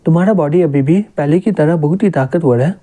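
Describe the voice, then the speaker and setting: A man reading the lines of a teasing, possessive young woman in a manga recap, in a fairly high, very dark, soft voice. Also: brisk, close to an everyday voice. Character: clingy, jealous young woman sister figure.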